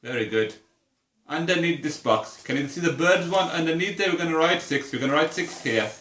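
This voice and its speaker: In an echoey room with a faint hiss or hum, a teacher with a medium-pitched, lively, slightly bright voice moves briskly through a one-to-one counting lesson. She patiently asks a young child the same simple questions again and again.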